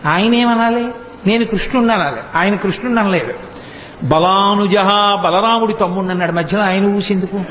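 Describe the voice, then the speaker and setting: A man's voice: high voice, brisk, slight background noise. A man giving a devotional storytelling discourse, acting out the characters' voices and chanting verses. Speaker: religious discourse speaker. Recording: echoey hall, dull lo-fi sound.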